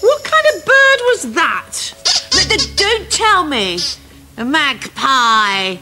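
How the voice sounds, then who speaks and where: A middle-aged woman playing a brisk, fond but exasperated scout leader in a children's comedy, giving bossy, patient instructions outdoors. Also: sits high, big pitch swings, over loud music, exaggerated voice. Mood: instructing. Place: outdoor garden set.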